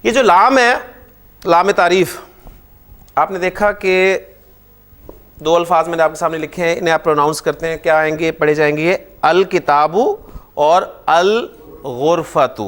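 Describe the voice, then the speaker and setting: High-voiced, animated male grammar teacher. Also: long pauses, clean tone. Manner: animated, asks the class frequent check questions. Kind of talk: classroom lecture.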